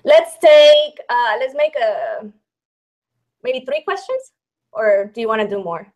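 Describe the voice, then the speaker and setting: A woman in her thirties from Mexico hosts her channel, chatting casually and reading out viewer questions in a Mexican accent with some Texan in it. She's chatty, laughs often and restarts phrases. Her voice is fairly high and sing-song, slow, with a darkish tone.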